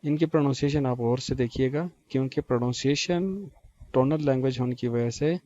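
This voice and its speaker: A man with a Pakistani Urdu accent gives a recorded language lecture, stretching out model words slowly and carefully while mixing Urdu with English. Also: medium pitch, mellow, lo-fi sound. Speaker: language teacher.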